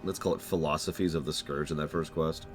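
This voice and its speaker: A man's voice: extremely low pitch, fairly even intonation, brisk, over music. A man giving casual live game commentary as a streamer, explaining the lore in a wry, opinionated way.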